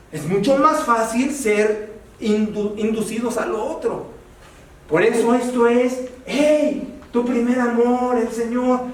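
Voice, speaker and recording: A man with a Mexican accent preaching a sermon as pastor, animated, rising to exclamations and dropping low. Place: church sanctuary. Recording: echoey church hall from a distance.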